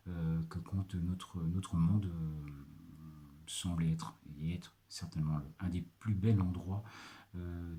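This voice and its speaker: French guy, low mellow voice, lots of euh pauses, reading book picks off his notes. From France. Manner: hesitant, many filler pauses, reads from notes. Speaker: librarian presenting book and music picks. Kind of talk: casual video presentation.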